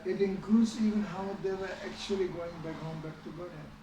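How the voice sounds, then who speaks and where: High-voiced man telling a sermon story. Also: steady tone, fairly quick, noisy background. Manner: conversational, many asides to the audience. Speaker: spiritual teacher giving a scripture class. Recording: echoey hall, mic at a distance.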